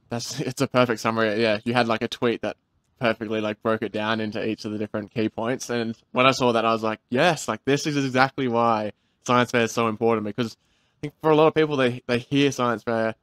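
A man's voice: mid-range voice, fairly even intonation, fairly quick, fairly bright tone, dry recording. A young man from Australia hosting a podcast interview, enthusiastic and casual, saying 'like' often.

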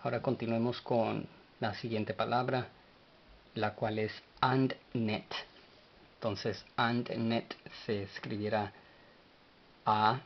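A man teaching a language lesson, speaking slowly and spelling words out letter by letter. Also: lowish voice, level tone, creaky, highs cut off.

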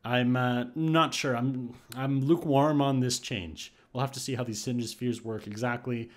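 A gaming YouTuber, speaking as a voice-over on screen capture, thinks aloud about game patch notes in a casual way, restarting and hesitating as he goes. His voice is medium-pitched and steady, at a moderate pace.

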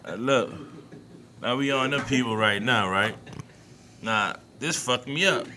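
A man with a New Orleans accent riffs on football as a podcast co-host, cursing freely and leaning hard on his points. His voice is bright and forceful, sitting at an ordinary pitch. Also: unhurried, a little hiss or hum. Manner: loose, profane, emphatic. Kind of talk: casual sports talk.

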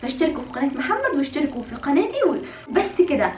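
High-voiced Egyptian woman teaching in an echoey room. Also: big pitch swings, a little hiss or hum. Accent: Egyptian Arabic. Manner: explains chattily, slowly demonstrating pronunciation. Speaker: language teacher and channel host. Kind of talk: casual video lesson. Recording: roomy echo, mic at a distance.

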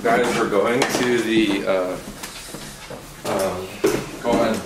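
A man's voice: fairly low pitch, very slow. A father vlogging casually at home, rambling to a handheld camera. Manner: relaxed, rambling, talking to camera. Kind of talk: casual vlog chat. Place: home, indoors. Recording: echoey room with clear background noise.

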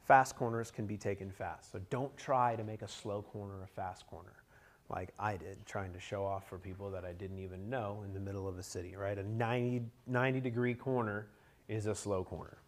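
A man in his thirties, working as a riding coach, delivers a motorcycle cornering lecture in a conference room, joking energetically and using his hands at the whiteboard for a group at tables. His pitch is fairly low and his pace a little fast. A camera at the back captures him, no mic visible.

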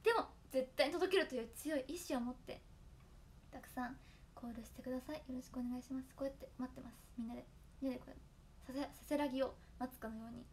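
A young woman talks casually and playfully to her fans, breaking into giggles and reciting tongue twisters. Her voice sits a little high. A faint background hum runs underneath. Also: quick pace. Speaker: idol trainee talking to fans. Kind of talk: casual solo stream chat.

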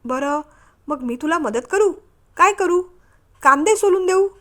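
A woman's voice: very high voice, animated, measured pace, a bit bright, exaggerated voice. Woman doing an eager, pleading husband. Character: remorseful divorced husband, eager and anxious.

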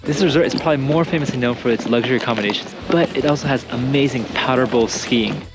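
Here the young vlogger talks fast in a medium pitch, and the recording sounds rough. He narrates his casual ski-resort trip into an arm's-length action camera, moving between the slopes outside and a gondola, while music runs underneath.

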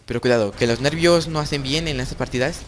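A young man giving excited gameplay commentary as host of his gaming channel, repeating phrases over and over. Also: medium pitch, fast talker, very noisy.

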